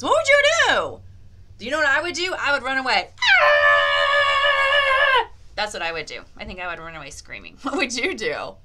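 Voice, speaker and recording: Slightly high and sharp-toned, this woman runs an interactive lesson for young kids, hamming it up encouragingly while she asks questions and draws out important words. A little hiss or hum sits in the recording. She's a teacher hosting a read-aloud language activity.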